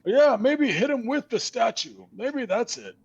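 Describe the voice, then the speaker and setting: A man voicing a confused, forgetful skeleton in a tabletop game, helpful but halting and trailing off. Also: very high voice, sing-song, creaky, a little mellow, highs cut off, pitched above the performer's own voice, exaggerated voice. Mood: eagerly suggesting.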